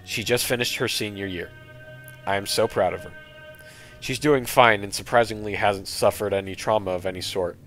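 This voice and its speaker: Deep-voiced man narrating horror stories. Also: fairly even intonation, normal speed, a bit bright. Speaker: creepypasta narrator. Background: faint background music.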